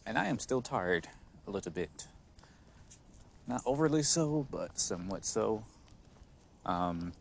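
A man hosting a casual, reflective solo podcast in a halting, hesitant way, pronouncing his r's like w's. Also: lowish voice, vocal fry. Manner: says w for r, soft r sounds; hesitant, halting, with frequent chuckles. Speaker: podcast host. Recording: noticeable background noise.

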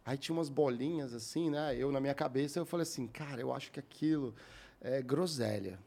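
A man's voice: mid-range voice, a little fast. A young Brazilian man hosting a podcast, telling a long everyday story casually and acting out the other people's lines as he goes. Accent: Brazilian Portuguese. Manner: animated, acts out quoted voices. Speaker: podcast host.

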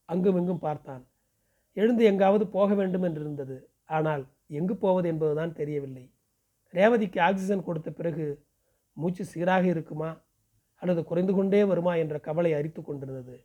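A man's voice: dark tone, muffled recording. A man from Pondicherry reading a novel aloud, narrating and giving the characters' dialogue livelier voices. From Pondicherry, India. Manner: raises pitch and speeds up for characters' dialogue. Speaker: audiobook narrator.

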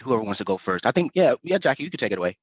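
An American man hosts a casual podcast at a middle pitch. The sound is dry, with very little room on it. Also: very animated, racing, slightly rough, no room sound, highs cut off. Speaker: podcast host.

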